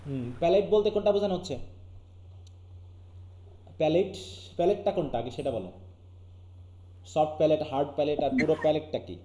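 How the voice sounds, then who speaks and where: A man's voice: fairly high pitch, quick pace, pauses often, dark tone, reverberant. A man with a Bangladeshi Bengali accent teaching an online English class, often asking his students questions. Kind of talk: live online class lecture.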